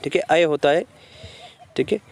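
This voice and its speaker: A man's voice: fairly high pitch, moderate pace, a little hiss or hum. Man giving a step-by-step grammar lesson. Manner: explains step by step, asks and answers his own questions, repeats "ठीक है". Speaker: Hindi grammar teacher. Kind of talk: classroom-style grammar lecture.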